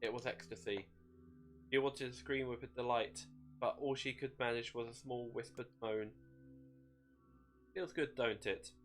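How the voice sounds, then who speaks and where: A man's voice: mid-range voice, fairly even intonation, moderate pace, faint music behind. A man narrating a dramatic story, sometimes stumbling over a word and rereading it.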